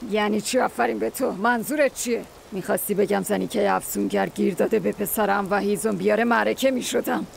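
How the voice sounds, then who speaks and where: A woman's voice: medium pitch, steady tone, creaky, hardly any pauses, slight background noise. A woman dubbing a bossy older village mother-in-law who scolds and gives orders. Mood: stern. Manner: scolding, commanding. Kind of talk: Persian dub of a TV drama.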